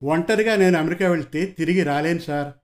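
Male narrator doing a meek young sidekick for an audio story; plaintive and pleading, voice a touch high. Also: a little fast, close to an everyday voice. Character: meek young male detective assistant, timid.

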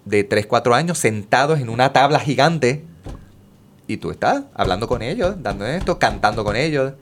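A man talks casually as a guest on a show. He explains things with lots of examples and a lively, slangy delivery, and his voice sits at an ordinary middle pitch. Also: moderate pace. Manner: animated, explains with examples, Caribbean Spanish slang. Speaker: guest, music therapist. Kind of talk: casual conversation.

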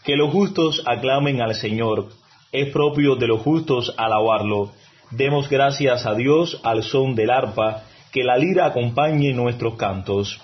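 A man's voice: medium pitch, a little slow, muffled recording. A man reciting a responsorial psalm at Mass in a formal, reverent manner.

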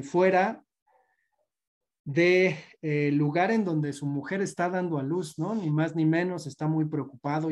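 A man's voice: a little high, a little mellow. A man with a Mexican accent chatting casually and telling a long joke, hesitant and full of fillers. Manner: rambling, hesitant, many fillers.

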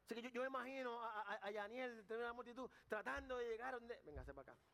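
High-voiced preacher man. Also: quick pace, a bit bright. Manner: addresses the congregation directly with questions. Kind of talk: sermon.

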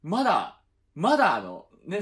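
Animated man with swooping, expressive pitch. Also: measured pace. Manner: animated comic griping, acts out quotes. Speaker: radio show host and rakugo performer. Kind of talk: casual chat.

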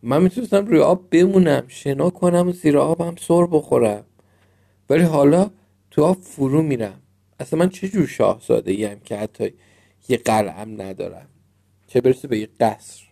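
A man's voice: mid-range voice, vocal fry, dark tone. A man voicing a sulky little male frog who was turned into a prince, complaining and stubborn, in a storybook reading.

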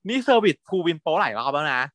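A man co-hosting a casual chat, recapping a series in an animated, giggly way and mixing in English words. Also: fairly high pitch, fast, no room sound. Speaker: hospital worker who does shifts.

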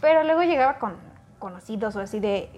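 Woman chatting easy, a bit high pitched, tells her own stories. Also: lively intonation, fast talker, darkish tone, muffled recording, a little hiss or hum. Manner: conversational, recounts personal experiences. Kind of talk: casual conversation.

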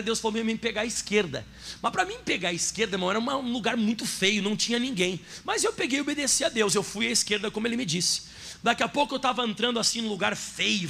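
High gravelly preacher telling a story. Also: male voice. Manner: storytelling, animated, addresses the congregation directly. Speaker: pastor. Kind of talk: sermon.

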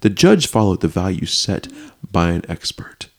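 A man's voice: deep voice, very animated, moderate pace, vocal fry. A man co-hosting a casual chat, reading a news story aloud in an overly dramatic way, often stumbling and restarting. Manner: reads news in a put-on dramatic voice. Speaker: podcast co-host.

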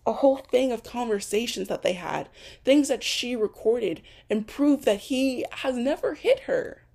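A young woman hosts an unscripted solo podcast from a home recording, starting to lose her voice as she goes. Her mid-range voice is creaky and a little mellow. She rambles off the cuff with frequent restarts and ums.

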